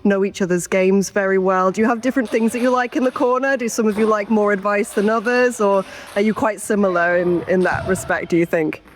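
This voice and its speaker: A woman's voice: mid-range voice, steady tone, brisk, few pauses, a little hiss or hum. A woman hosting a podcast, asking players questions in an upbeat way and laughing easily. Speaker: podcast host. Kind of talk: interview questions and podcast outro.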